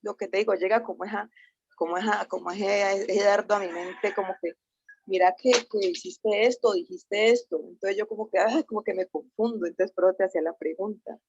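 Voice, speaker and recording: A woman's voice: mid-range voice, steady tone, a little fast, creaky, darkish tone, breathy edge, dry recording. A woman in church asking a question, hesitant and searching for words. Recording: dry lo-fi sound.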